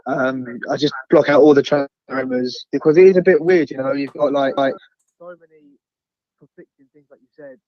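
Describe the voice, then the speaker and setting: A man's voice: mid-range voice, fairly even intonation, a little fast, pauses often, no echo. A man with an Essex accent chatting casually as a football fan calling in, rambling and repeating phrases as he goes. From Essex, England. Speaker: fan phoning in as caller. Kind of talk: casual chat. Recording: slightly dull, lo-fi call line.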